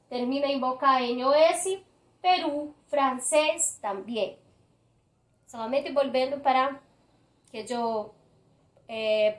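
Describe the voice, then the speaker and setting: A woman teaching an online Spanish grammar lesson, reading slowly and often checking in with her students by asking "right?". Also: high-pitched. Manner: slow, careful, often checks in with a questioning "right?".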